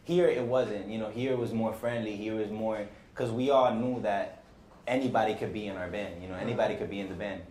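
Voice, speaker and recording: A man's voice: lowish voice, steady tone, fairly quick, darkish tone. A young man in his twenties, a band member chatting in an easygoing, rambling way during an interview. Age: 20s. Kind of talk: casual interview. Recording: echoey with light background noise.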